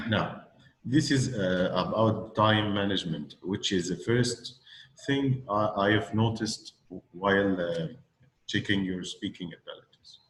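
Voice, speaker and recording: A man's voice: lowish voice, unhurried, a bit bright, roomy sound, poor audio. A man with an Egyptian accent teaching English one-on-one, hesitant and full of fillers and restarts. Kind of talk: one-on-one speaking lesson.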